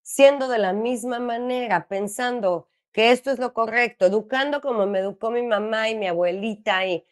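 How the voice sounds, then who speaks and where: A woman's voice: on the high side, normal speed, few pauses. Earnest Mexican woman explaining. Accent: Mexican Spanish. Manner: earnest, explanatory, asks herself questions and answers them. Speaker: ADHD coach for parents. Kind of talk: interview answer.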